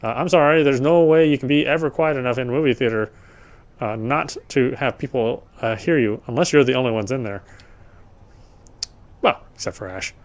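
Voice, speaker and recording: A man with a medium-pitched voice talks fairly quickly as he reads game text aloud during a let's play, layering on casual, sardonic commentary in an informal manner.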